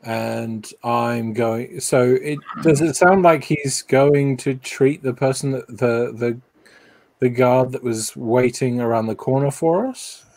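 Male tabletop player, unhurried delivery, medium pitch, casual game chat. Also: darkish tone, no echo.

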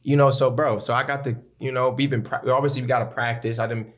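An American man speaks in a mid-range voice, casually and openly. His talk is loose and slangy, as in a relaxed conversation among friends who make music. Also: medium pitch, quick pace. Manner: slangy, candid, peppered with "bro" and "you know". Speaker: musician, rapper. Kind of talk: casual podcast-style chat.

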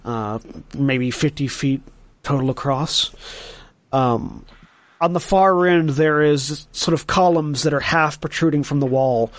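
A man working as game master, narrating a tabletop game with descriptive, deliberate scene-setting. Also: medium pitch.

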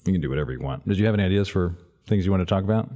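A man hosting a relaxed, conversational podcast interview and asking his guest questions. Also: sits low, racing. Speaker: podcast host. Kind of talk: casual interview chat.

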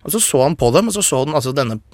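A man's voice: medium pitch, expressive, dry recording. A man hosting a radio show, explaining science in a casual chat and getting carried away with enthusiasm. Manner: enthusiastic, gets carried away and talks fast.

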